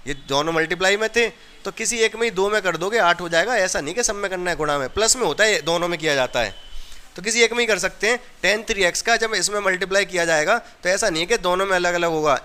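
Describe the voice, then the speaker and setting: Man, maths teacher, from India, classroom lesson, slightly high, crisp voice. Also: sharp tone. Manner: explains step by step, often asks students if they understood.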